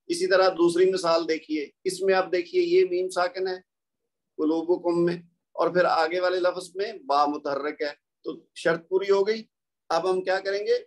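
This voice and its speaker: A man with a Pakistani Urdu accent gives a patient, step-by-step recorded lesson in a slightly raised voice. He stops often to recite the examples slowly and carefully, keeping a plain, steady teaching manner. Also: fairly high pitch.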